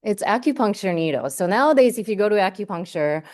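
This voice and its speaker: Her delivery is fast and expressive, in a medium-pitched voice with a darkish tone. This guest seminar speaker, who grew up in Hawaii speaking Japanese first, chats through a personal academic talk loaded with "um" and "like."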